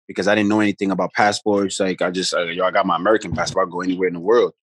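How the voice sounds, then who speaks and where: Low-voiced and talking very fast with a breathy edge, the New York pro baller from the Bronx rambles through relaxed anecdotes as a guest, peppering them with "you know what I mean." He's in a room at home, phone camera held close for the video call.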